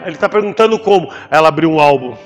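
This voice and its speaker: A man with a Brazilian Portuguese accent, a pastor giving an animated testimony in church and acting out the voices in his story. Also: on the high side, fast. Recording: long hall reverb with faint music behind.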